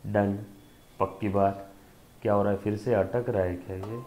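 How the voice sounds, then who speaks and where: A man's voice: on the low side, fairly even intonation, normal speed, roomy sound, dull audio, a little hiss or hum. A man teaching a commerce lecture online, coaxing his students and checking that they follow, mixing in English terms. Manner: mixes Hindi with English terms.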